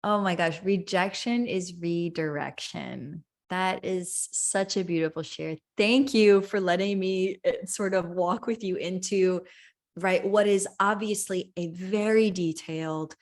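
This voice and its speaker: A woman's voice: lowish voice, slow, a little mellow. Reflective woman host who keeps asking "right?". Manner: affirming, reflective, frequent "right?" tags. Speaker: podcast host. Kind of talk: reflective interview conversation.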